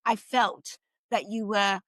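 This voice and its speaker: A woman hosting a talk show over a video call, effusive and emotional, reading quotes with dramatic pauses. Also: mid-range voice, steady tone, fairly bright tone, dry recording, low-quality recording. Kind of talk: warm interview reading quotes.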